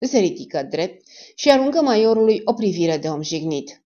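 Woman narrating in a low, mellow voice. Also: very animated. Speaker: audiobook narrator. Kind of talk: scripted narration of a spy novel. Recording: dull lo-fi recording.

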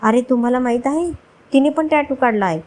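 A woman's voice: high-pitched, brisk, a little mellow, close to an everyday voice, rough recording. A woman voicing a feisty, playful young wife who teases and makes jesting threats. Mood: gossiping. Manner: teasing, threatening in jest.

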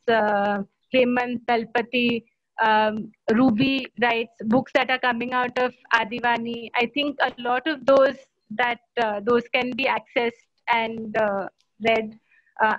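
A woman in her thirties with an Indian English accent, speaking as a panelist in an online discussion, pausing often with fillers and restarts. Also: on the high side, no room sound. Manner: hesitant, many fillers and restarts. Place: home room. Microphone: laptop webcam on a video call. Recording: muffled video-call audio.

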